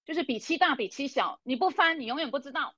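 A woman's voice: high-pitched, lively intonation, fast talker, fairly bright tone, no room sound. A woman, co-hosting a casual coaching talk and earnestly sharing her ideas. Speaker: coach, podcast co-host. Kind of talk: casual conversation.

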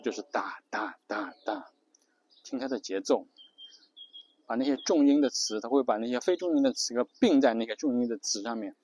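A man's voice: mid-range voice, fairly quick, mellow, slight background noise. A man hosting an English-learning show, explaining in a casual spoken lesson and counting off his points one by one. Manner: taps out rhythms with spoken syllables.

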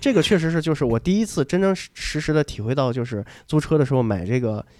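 A young adult podcast co-host with a slightly high voice rattles off a lively story to his co-hosts in a relaxed chat, acting out the voices of the people in it and often repeating his words. The sound is close and dry, with no echo or room around him.

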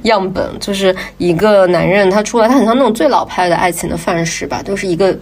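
Fast-talking woman with a husky voice. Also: mid-range voice. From southern China. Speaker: podcast co-host. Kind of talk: casual opinionated chat.

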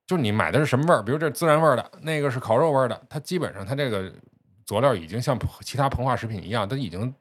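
A man's voice: mid-range voice, expressive, racing, breathy edge. A man with a Beijing accent chatting casually as a podcast co-host, telling things in a colloquial, jokey way. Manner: colloquial, jokey storyteller with playful sound imitations. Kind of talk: casual food chat.

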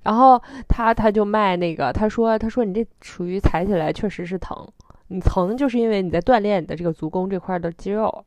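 A woman with a Northeastern Chinese accent chatting casually as a podcast co-host, telling stories in an animated, self-mocking way. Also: medium pitch, a little fast, no room sound. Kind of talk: casual chat.

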